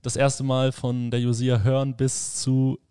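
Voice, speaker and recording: This studio-quality, echo-free recording features a man in his twenties, age twenty-one, hosting a casual podcast and asking easygoing, friendly questions peppered with fillers. A leader at a mission school, he talks a little slowly in a clean, mid-range voice.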